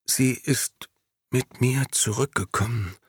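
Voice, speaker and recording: Narrator doing a tiny frozen girl, weak and stammery, slow, higher than his own voice. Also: slightly rough, no echo, clean studio sound. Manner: weak, faltering, halting. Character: little girl, frozen and barely conscious, stubborn.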